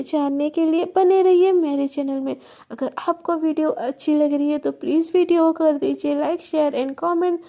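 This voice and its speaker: A woman with a very high but mellow voice narrates a love story for her channel. She tells it casually and loosely, often restarting words mid-sentence. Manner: chatty, loose retelling with restarts.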